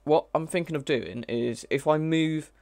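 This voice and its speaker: A mod developer streams his coding session live, speaking at normal speed in a slightly high, somewhat mellow voice with vocal fry. He chats and thinks aloud casually, often pausing uncertainly and correcting himself; there's no echo.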